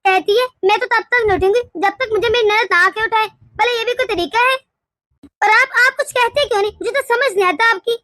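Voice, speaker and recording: A shrill, scolding cartoon mother-in-law, voiced by a woman, quick to take offence and pity herself. Her voice sits very high, and the sound is close and dry with no room around it. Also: sharp tone, dry recording. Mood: indignant. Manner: shrill complaining taunts. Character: scolding middle-aged mother-in-law, short-tempered and self-pitying. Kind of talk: animated cartoon dialogue.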